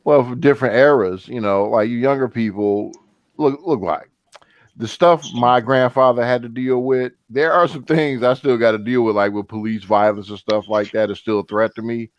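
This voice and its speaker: A man in his fifties joking and laughing loudly in a casual group chat. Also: mid-range voice, steady tone, moderate pace, no echo, lo-fi sound. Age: 50s. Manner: joking, loud sudden laughs.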